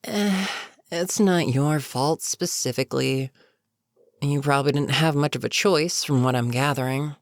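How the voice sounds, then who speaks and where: A voice actor plays a weary goblin captain in an immersive, conversational fantasy roleplay monologue, using a natural, mid-range voice that is creaky and gravel-edged. He speaks a little slowly and at a leisurely pace, casual, chatty, and sardonic, amused yet businesslike, wry and matter-of-fact, with sighing asides. The recording is very dry, with no room sound at all.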